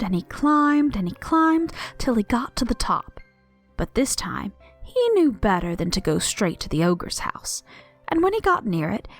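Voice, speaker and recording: A woman narrating a fairy tale aloud with lively expression, dropping to a whisper at tense moments. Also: a little high. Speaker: storyteller. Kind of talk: storybook read-aloud narration.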